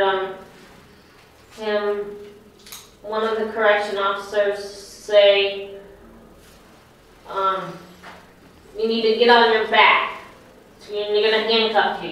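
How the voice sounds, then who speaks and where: A woman's voice: medium pitch, fairly bright tone. A woman in custody giving short, deferential answers to a detective, heard on a played-back interrogation tape recorded in a jail interview room. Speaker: witness in custody. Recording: echoey room tape from far off.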